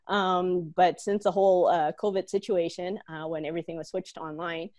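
A woman from Hong Kong, an online learning lead and podcast co-host, chats casually from her home office, leaning heavily on "like" and "um." Her voice is on the low side and a little mellow, with a steady tone and moderate pace, recorded with no room sound.

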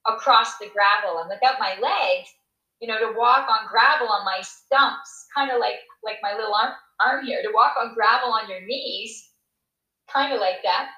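A middle-aged woman from Canada tells a story from her childhood in a slightly high voice, lively and conversational, often tossing in "right?" and acting out what people said. The sound is roomy, with noticeable echo. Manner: animated, acts out quoted voices with big pitch jumps, frequent "right?". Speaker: motivational speaker.

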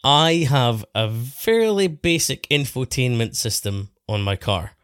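A man's voice: medium pitch, animated, a little slow, fairly bright tone, clear, resonant tone, no room sound, clean studio sound. A man, a podcast host chatting casually in a bantering way. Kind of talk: casual chat about car detailing.

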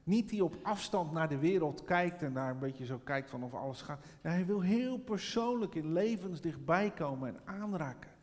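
A man's voice: fairly high pitch, lively intonation, moderate pace, hardly any pauses, darkish tone, big-room sound. A middle-aged man preaching a sermon, telling a personal story and then rising into fervent preaching. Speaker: pastor.

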